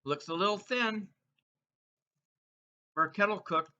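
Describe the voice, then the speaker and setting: Crunching chips between remarks, a man playfully announces his taste-test verdicts to viewers in a casual snack vlog. His sharp-toned voice sits high and moves a little slowly, captured in dull, muffled lo-fi sound.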